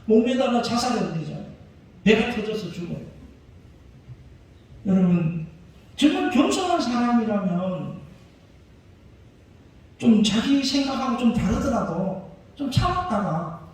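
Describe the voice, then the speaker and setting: A man's voice: high voice, lively intonation, measured pace, long pauses, a little mellow. A male pastor preaching a sermon, pressing the congregation with rhetorical questions. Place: church sanctuary. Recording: very echoey church hall, voice far from mic.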